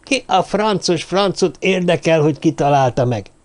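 A man voicing an irritable elderly dwarf leader who talks in a slow, emphatic, snapping way. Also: on the high side, expressive, voice pushed up, lightly acted. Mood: irritable, commanding.

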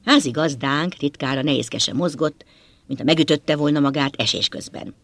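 A man narrating a first-person novel with an expressive, dramatic reading, close to the mic. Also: a little high, no room sound. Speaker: audiobook narrator.

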